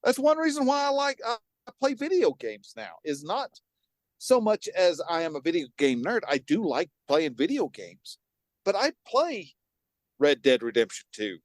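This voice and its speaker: Podcast co-host: upbeat man with a slightly high voice, recorded dry. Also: moderate pace, no room sound. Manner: animated, laughs often, jumps between topics. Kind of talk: casual chat.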